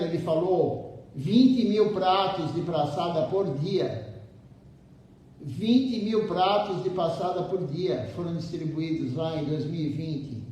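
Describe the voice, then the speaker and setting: A man giving a devotional sermon in a temple. He urges his listeners and repeats key phrases over and over. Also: warm tone. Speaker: temple speaker. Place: temple hall. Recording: echoey temple room from far off, faint rumble.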